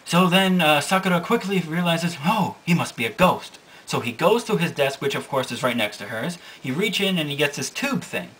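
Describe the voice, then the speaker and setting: A man's voice: a little high, expressive, fairly quick, few pauses, fairly bright tone. A young man casually recapping a manga's plot, rambling and correcting himself with amusement, recorded from a distance. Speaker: manga reviewer.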